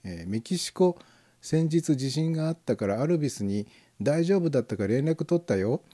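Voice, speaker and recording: Musing over every listener comment, this internet radio host rambles casually at normal speed, full of fillers and soft chuckles. His dark, mellow voice moves up and down in lively pitch as he chats live.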